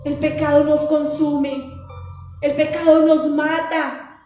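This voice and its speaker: A woman preaches in a very high, flat-toned voice, her words ringing around a hugely reverberant church. She repeats phrases in an earnest, sing-song preaching rhythm. Soft music plays faintly underneath. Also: slow pace. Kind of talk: sermon.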